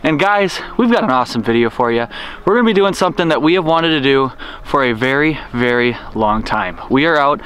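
A man's voice: medium pitch, lively intonation, fairly quick, a bit bright, a little hiss or hum. A young man hosting an outdoor vlog on a frozen lake, talking to camera with upbeat enthusiasm. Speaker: outdoor channel host. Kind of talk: energetic vlog presenting. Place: outdoors on a frozen lake, then inside an ice tent.

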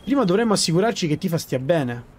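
A man's voice: fairly high pitch, big pitch swings, fast talker, darkish tone, soft background music. A man reading aloud the terse, hesitant lines of a young male swordsman in a video game. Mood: reluctant.

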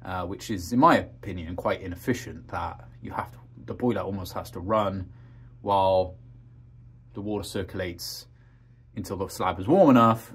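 A man with a fairly low voice gives a casual vlog tour of his heating setup. He rambles in a practical way, full of ums and uhs. He talks from a cramped crawl space and utility room. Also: breathy edge. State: out of breath after crawling. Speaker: homeowner showing his heating system.

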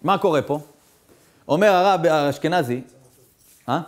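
Animated high-voiced man preaching. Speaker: rabbi. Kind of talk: storytelling sermon.

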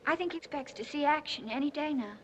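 A woman's voice: high voice, quick pace, fairly bright tone. An actress playing an earnest young woman in a 1940s film, in an old muffled film soundtrack. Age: young adult. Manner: earnest, grief-stricken at the end.

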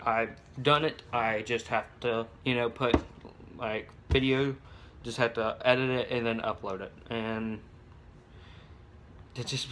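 A man's voice: mid-range voice, fairly bright tone, slight background noise. A young man making a casual home vlog on his phone, rambling with many restarts and fillers. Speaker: vlogger. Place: home with babies heard nearby. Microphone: phone camera.

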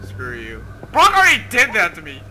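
A man's voice: high-pitched, huge pitch swings, moderate pace, pushed and bright, a little hiss or hum. A young man playing a horror game at his desk, panicky, screaming and swearing a lot in his commentary. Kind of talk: let's play commentary. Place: home, at a desk.

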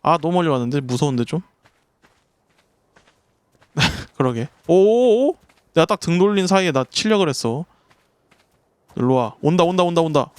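A man with a slightly high, clear, resonant voice streams a survival game as live commentary, speaking at a moderate pace with frequent pauses. Excitable, he talks to his creatures and his chat, yelping and swearing when something startles him.

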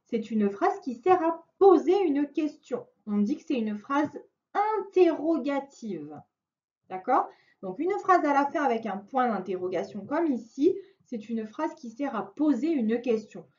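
A woman teacher speaks slowly and clearly, guiding a young child through a lesson with patience. Her voice sits fairly high and moves up and down with lively emphasis. The recording sounds dull and lo-fi. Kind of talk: recorded remote classroom lesson.

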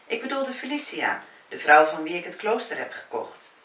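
A woman reading the lines of a wry, gently teasing man in a spoken novel. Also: on the low side, big pitch swings, moderate pace. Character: male villa owner, wry and gently teasing. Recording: roomy, distant, faint hiss.

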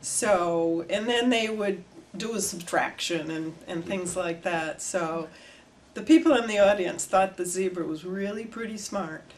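The speaker is an older woman in an oral history interview, talking a little slowly in a lowish voice. With lively hand gestures she tells her story in an indoor room with flags behind her, and there's slight background noise.

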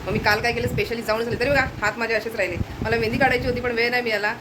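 A vlogger talks casually and straight to the camera in a home vlog, occasionally cooing to her pet, her voice low because she's fasting. She speaks at a racing pace in a steady tone, pitched on the high side, with background noise present.

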